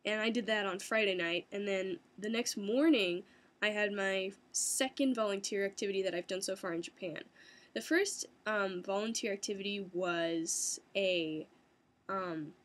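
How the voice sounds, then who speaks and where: A young woman from the United States casually recapping her experiences in a chatty, animated way, laughing often and using many fillers. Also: medium pitch. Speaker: vlogger. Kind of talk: casual first-person recap.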